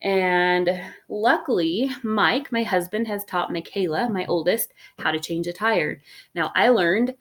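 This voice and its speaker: A woman's voice: fairly low pitch, measured pace. A woman in her forties telling a story in a casual, rambling way, often voicing her own thoughts aloud and adding "right?" to her points. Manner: rambling with fillers and tag questions. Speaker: fitness vlogger. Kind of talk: casual reflective monologue.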